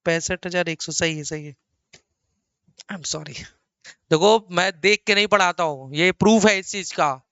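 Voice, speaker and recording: Animated middle-aged man teaching, crisp voice. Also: high voice, measured pace, pauses often, no room sound. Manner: chatty, teasing asides to students; animated, repeats words for emphasis. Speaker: accounting teacher. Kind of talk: recorded online lecture. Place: small room at a laptop.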